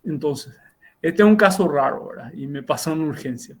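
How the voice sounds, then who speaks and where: A middle-aged man, a doctor teaching a class, tells a clinical case in a halting way with frequent restarts and tag questions, heard over a video call. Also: on the high side, animated. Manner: halting, many self-corrections and tag questions. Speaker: university lecturer and doctor. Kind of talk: lecturing with a clinical case story.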